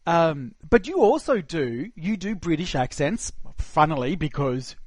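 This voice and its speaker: Brief: male co-host, teasing banter, a bit high, dry close sound. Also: big pitch swings, unhurried, no echo. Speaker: podcast co-host. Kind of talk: casual interview chat.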